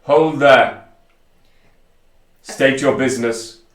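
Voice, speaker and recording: A man voicing a commanding male elven guard who booms orders in a loud, stern shout. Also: extremely slow, reverberant. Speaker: game master. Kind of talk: narrating a tabletop game.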